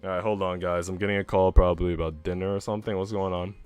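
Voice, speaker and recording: Speaking fast in a low, level, darkish and clean voice, this young American livestreamer hosts from an indoor room at home with music in the background. His chat with viewers is loose, slang-filled and peppered with swearing.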